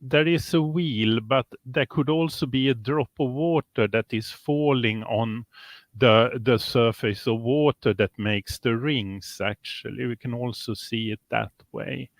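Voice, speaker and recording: A man's voice: medium pitch, unhurried, no room sound. A man co-hosting a tarot show, hesitantly adding details about the card. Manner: hesitant, adds details with fillers. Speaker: show co-host.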